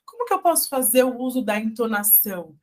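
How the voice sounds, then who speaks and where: A woman's voice: fairly high pitch, animated, fast. Brazilian woman explaining things step by step. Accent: Brazilian Portuguese. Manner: didactic, lists terms and explains step by step. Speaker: speech therapist guest. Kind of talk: explanatory radio interview talk. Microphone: studio radio microphone.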